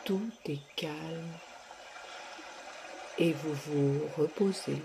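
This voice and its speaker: A woman with a low voice guides a relaxation session at a very slow, unhurried pace. Her words come soft and stretched, with long pauses between phrases. A steady background noise sits under the recording. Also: gravelly. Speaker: sophrology guide.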